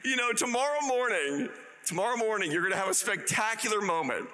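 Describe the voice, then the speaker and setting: High-voiced guy in his 40s, super bright and bubbly, gushing commencement speech, keeps laughing. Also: lively intonation, fairly quick, a little hiss or hum. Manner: gushing, exclamatory, laughs often, keeps saying "oh my God". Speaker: commencement keynote speaker. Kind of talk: live motivational commencement speech. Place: university commencement ceremony, before a live audience.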